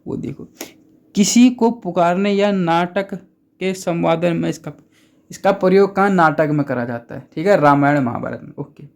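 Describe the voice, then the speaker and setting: A man's voice: a little high, normal speed, vocal fry. A man teaching Hindi grammar in a casual exam-prep lesson, chatty, asking and answering his own questions and repeating key points.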